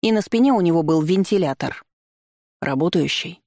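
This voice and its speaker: An audiobook narrator reads a comic story in a lively, wry way, at a middle pitch. The sound is close and completely dry, with no room around the voice. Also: brisk, dry recording. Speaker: audiobook reader.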